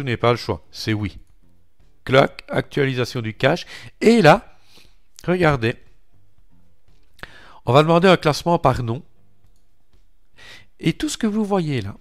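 A man with a French accent hosts a screen-recorded software walkthrough, taking his time over every step. His speech is slow and unhurried, and he narrates each click with friendly little asides. Faint music plays quietly underneath. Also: medium pitch. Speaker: tech tutorial host.

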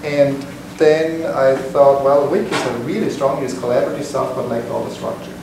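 Halting Swiss man presenting in a room. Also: medium pitch, fairly even intonation. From Switzerland. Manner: halting, many fillers and restarts. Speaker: meetup presenter. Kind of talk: technical talk to a small group. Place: conference room, standing by a projector screen. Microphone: far camera. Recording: echoey room from far off, noisy.

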